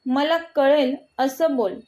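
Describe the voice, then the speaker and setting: A woman's voice: high-pitched, slow pace, a little mellow. A woman voicing a hot-tempered young man who speaks sharply and demandingly. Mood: angry.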